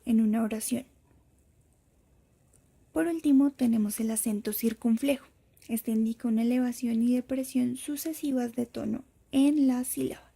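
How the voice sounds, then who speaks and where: A woman teacher reading a scripted lesson, explaining each point slowly and carefully. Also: high voice, gravelly, dark tone, breathy edge. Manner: slow, careful explanatory delivery.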